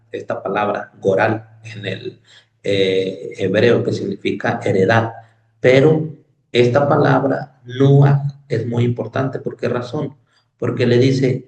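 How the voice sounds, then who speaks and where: A man teaching a Bible study lesson, explaining slowly and repeating key words, with many hesitations. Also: mid-range voice, creaky, a little mellow, roomy sound, rough recording.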